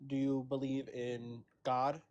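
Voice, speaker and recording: A man's voice: medium pitch, little pitch movement, slow pace, darkish tone, dull audio. A man of nineteen calling in, hesitant and repeating himself as he makes his point. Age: young adult. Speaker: caller.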